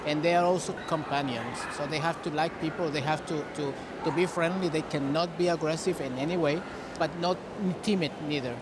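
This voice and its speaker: A man's voice: fairly high pitch, fairly even intonation, brisk, background noise. A man from Costa Rica, a longtime dog breeder, giving earnest interview answers outdoors and often restarting words.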